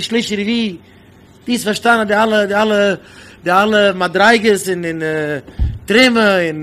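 A man's voice: high-pitched, a bit bright. A man speaking as a rabbi in an impassioned sermon, pressing his point with repeated rhetorical questions.

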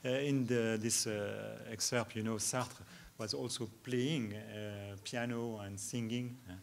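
Halting man answering questions. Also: lowish voice, steady tone, gravelly, a little hiss or hum. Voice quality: halting, many restarts and stammers. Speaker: keynote speaker answering questions. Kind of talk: academic Q&A answer. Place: lecture hall.

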